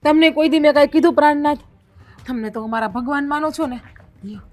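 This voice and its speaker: An actress with a Kathiawadi Gujarati accent playing a sharp-tongued, bossy young village wife who scolds her husband. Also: high voice, a little hiss or hum, close to an everyday voice. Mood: sulky. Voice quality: quick, scolding, then sugary to her husband. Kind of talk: Gujarati family drama acting.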